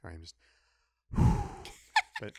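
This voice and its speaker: A man co-hosting a casual video game podcast, talking in an animated way full of exaggerated rants. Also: slow pace, no room sound, studio quality. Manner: animated, hyperbolic ranting. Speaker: podcast co-host. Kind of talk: casual chat.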